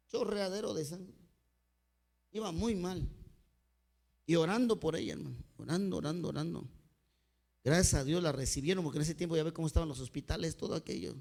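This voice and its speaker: A Mexican man preaches a sermon with a somewhat high voice. His loudness rises and falls as he tells earnest stories. He speaks straight to his congregation as a pastor. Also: creaky. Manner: earnest storytelling, often addressing listeners as "hermanito"; dynamic delivery, sudden swings in loudness.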